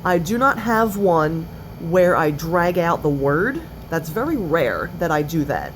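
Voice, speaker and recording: A woman of twenty-eight talking confessionally in halting, broken-up phrases, with an occasional stutter. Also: lowish voice, big pitch swings. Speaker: person sharing experience of stuttering in a video. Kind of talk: personal confessional talk. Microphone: cell phone. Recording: noisy cell phone recording.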